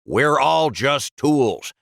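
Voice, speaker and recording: A gravelly, bright-voiced mentor pen from a cartoon. He swoops widely in pitch as he coaxes and teases, calling everyone lad. The sound is close and dry. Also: huge pitch swings, measured pace, no room sound, heavily acted. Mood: coaxing. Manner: jokey, calls others lad and laddie. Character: older male pen, calm, teasing office mentor. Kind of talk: animated cartoon voice acting.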